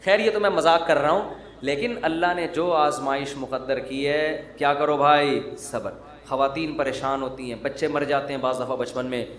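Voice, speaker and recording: A man's voice: mid-range voice, fairly even intonation, fairly bright tone. A male Islamic preacher giving a sermon in a joking, teasing, conversational way. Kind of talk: humorous sermon. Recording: roomy echo.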